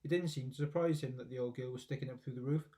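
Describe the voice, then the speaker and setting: A man's voice: medium pitch, fast, warm tone. A man narrating a children's story expressively, as a reader reading aloud from a book.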